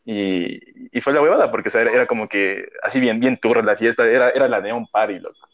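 A man's voice: mid-range voice, fast talker. A young man, telling a story in casual chat, rambling and full of slang and fillers. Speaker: podcast co-host. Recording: dull lo-fi audio.

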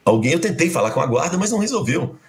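Gravelly man telling a story. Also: on the high side, quick pace. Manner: animated, acts out quoted dialogue. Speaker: guest. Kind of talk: personal storytelling in a conversation.

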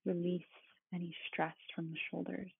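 A meditation guide speaking in a calm, meditative tone with a husky, creaky voice. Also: medium pitch, normal speed. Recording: roomy, phone-like thin sound.

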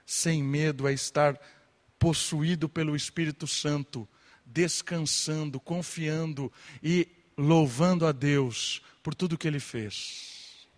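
A young man preaching a sermon to his congregation, lively and animated, sometimes imitating gossiping churchgoers. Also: fairly high pitch, takes it slowly, big-room sound. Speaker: pastor.

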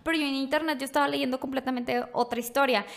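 High-voiced Mexican woman, animated storyteller. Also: quick pace, gravelly, crowd noise. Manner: animated, acts out quoted voices, breaks into laughs. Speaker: podcast guest. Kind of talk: casual storytelling chat.

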